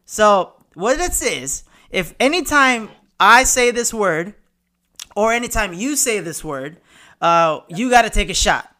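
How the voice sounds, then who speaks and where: A boisterous man hosting a party podcast as its hype man. His voice is clear and smooth, and he talks in hyped slang, often repeating himself and swearing freely. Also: high voice, very animated, unhurried, sharp tone.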